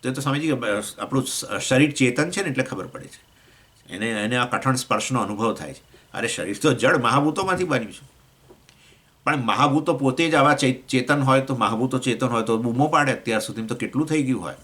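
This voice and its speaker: Gujarati-accented male swami teaching scripture; bright, questioning, lively teacher. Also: a little fast. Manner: explains with questions to listeners, acts out voices of elements; pitch swings between raised points and low asides. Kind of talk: scripture class lecture.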